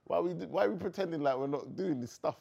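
A man's voice: fairly high pitch, fairly quick, gravelly, mellow. A man with a London roadman accent, chatting casually in thick street slang. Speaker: rapper. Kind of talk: casual chat.

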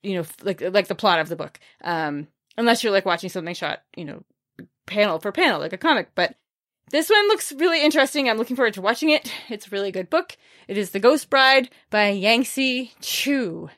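Brisk and expressive, this woman speaks at medium pitch with a fairly bright tone. She hosts a book-review podcast, running through recommendations in a casual way with wry little asides.

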